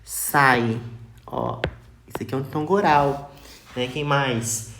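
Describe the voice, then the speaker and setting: A Brazilian-accented teacher talks through a grammar lesson at a very slow, deliberate pace. The teacher repeats each example word and keeps checking in with the class. The voice rings in an echoey room over a steady, clearly audible background noise. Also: medium pitch. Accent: Brazilian Portuguese.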